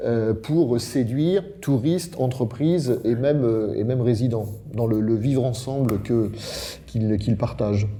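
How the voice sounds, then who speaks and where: A man's voice: medium pitch, a little slow, mellow, slight background noise. A man moderating a panel debate, asking long framing questions with some hesitation. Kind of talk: panel discussion.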